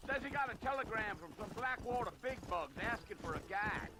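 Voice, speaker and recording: An actor playing a talkative, folksy frontier wagon driver in a western video game, drawling in rough rural speech. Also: male voice, high voice, lively intonation, fairly quick, noisy background. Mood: chatty.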